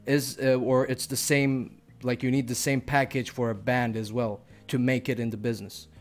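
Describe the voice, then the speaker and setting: A man hosting a podcast in casual interview chat, hesitant and halting, stammering through his questions and apologizing for it. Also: mid-range voice, level tone, faint music behind. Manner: hesitant, halting, many fillers and restarts, apologetic. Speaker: podcast host.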